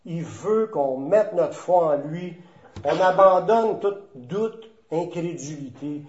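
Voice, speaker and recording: A man's voice: a little high, lively intonation, slow pace, a little mellow, echoey room, muffled recording. A man with a Quebec French accent preaching a sermon, emphatic and repeating key phrases for weight.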